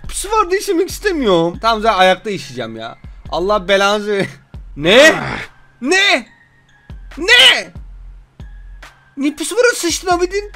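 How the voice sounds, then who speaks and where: Young guy yelling and joking through a game, real high voice, bright and sharp. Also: a little fast, soft background music. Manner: excitable, yells and jokes at the game. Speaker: gameplay commentator. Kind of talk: gameplay commentary.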